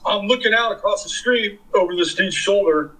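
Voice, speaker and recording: Interview guest, fifties, from the Bay Area: a husky, fairly high male voice with a profane, rambling storyteller's delivery. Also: normal speed, pushed and bright, low-quality recording. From California Bay Area. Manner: rambling, profane, filler-heavy. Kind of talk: casual storytelling.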